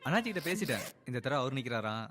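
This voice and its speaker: A man's voice: mid-range voice, big pitch swings, very fast, over music, close to an everyday voice. A man playing a gossipy henchman. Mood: mocking. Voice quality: gossipy, mocking. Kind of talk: film comedy acting.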